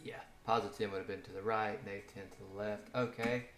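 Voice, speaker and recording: A man's voice: on the low side, steady tone, fast talker. A man walking through a coding tutorial in a casual way, thinking aloud and correcting himself as he types. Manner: thinks aloud, self-correcting while typing. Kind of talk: casual screencast coding walkthrough. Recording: roomy home office, audible typing noise. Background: keyboard typing and mouse clicks.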